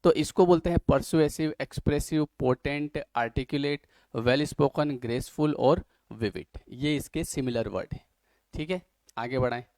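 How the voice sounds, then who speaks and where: A man teaching an English vocabulary class, teasing his students and reading definitions out slowly. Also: a little high, darkish tone, no room sound. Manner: joking, teasing students between word lists. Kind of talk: online class lecture.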